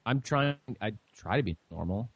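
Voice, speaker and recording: A young man co-hosting a casual podcast chat, talking in a halting way with lots of fillers and restarts. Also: fairly low pitch, lively intonation, husky, no echo, highs cut off. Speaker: podcast co-host.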